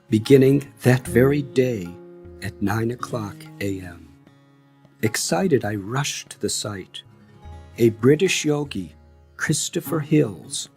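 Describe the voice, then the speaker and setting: A man narrating a memoir audiobook in a measured, reflective way. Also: mid-range voice, vocal fry, a little mellow. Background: faint guitar music.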